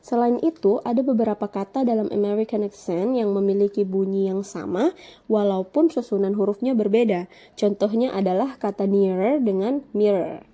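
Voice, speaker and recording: A woman lecturer giving a measured, explanatory scripted lesson narration. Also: mid-range voice, mellow.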